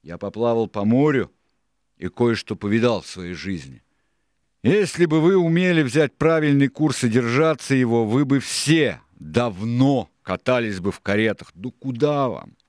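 A man voicing a cunning, domineering older pirate cook in an audiobook, lecturing loudly and scornfully. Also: mid-range voice, expressive, measured pace, dry recording, clean studio sound, pitched above the performer's own voice, close to an everyday voice. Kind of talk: audiobook character reading.

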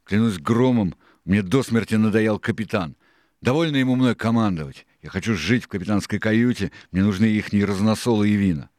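A man voicing an impatient, grumbling pirate boatswain in an audiobook, loud and complaining. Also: fairly low pitch, fairly quick, dry recording, studio quality, voice pushed up, natural voice. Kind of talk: audiobook character reading.

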